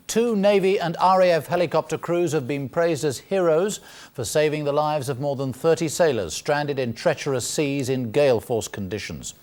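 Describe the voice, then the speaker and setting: A man's voice: fairly high pitch, a little mellow. Newsreader man on a worn VHS tape copy. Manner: measured, formal newsreader delivery. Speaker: news anchor. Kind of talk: scripted news reading.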